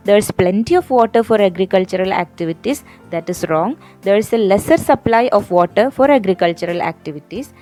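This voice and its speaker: Woman teacher, Malayali accent, drawn-out exam reading, faint music behind. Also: mid-range voice, darkish tone. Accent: Malayali English. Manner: reads English options slowly, explains quickly in Malayalam. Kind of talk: exam question walkthrough.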